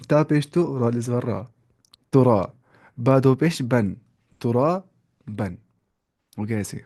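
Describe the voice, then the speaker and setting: A man's voice: medium pitch, warm tone, slightly rough. Man teaching Quran reading, letter by letter. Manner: spells out letters and vowel marks slowly, then blends them; asks and answers his own questions, checks understanding. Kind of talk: live online Quran reading lesson.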